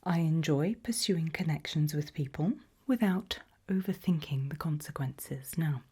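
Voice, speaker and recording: A woman whispers and murmurs softly, measured and deliberate with pauses, as she roleplays for ASMR a calm HR interviewer at an evil organisation, polite yet sinister. Her voice is a breathy whisper mixed with soft low murmurs.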